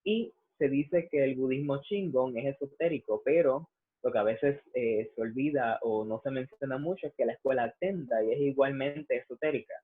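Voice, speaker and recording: A man's voice: mid-range voice, breathy edge. Puerto rican guy explaining buddhism, lots of "eh", sounds like a phone line. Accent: Puerto Rican Spanish. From Puerto Rico. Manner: measured, frequent "eh" fillers. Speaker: Buddhist reverend. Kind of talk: explanatory interview answers.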